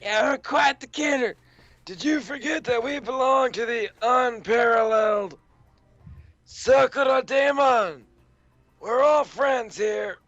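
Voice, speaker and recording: A man voicing a plump, smug elderly male detective in a slow, drawn-out old man voice. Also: very high voice, fairly bright tone, no echo, dull audio, exaggerated voice. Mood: jovial.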